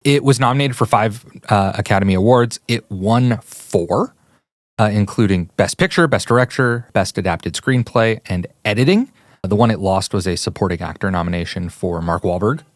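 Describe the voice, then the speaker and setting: Low-voiced man, relaxed podcast co-host. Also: normal speed, no echo, studio quality. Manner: relaxed, reads facts and figures, opinionated. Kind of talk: casual film podcast discussion. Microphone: studio microphone.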